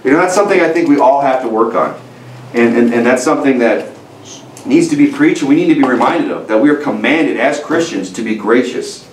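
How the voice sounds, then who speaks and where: A man in his thirties preaches from a lectern, talking in an earnest, conversational way full of restarts. His voice sits at a middle pitch and carries the echo of a church room, picked up from a distance. Faint room noise hangs behind him. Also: brisk. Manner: earnest, conversational, many restarts and "you know"; stands at a lectern gesturing with both hands. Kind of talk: sermon. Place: church sanctuary, indoors, medium room. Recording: roomy church audio from a distance.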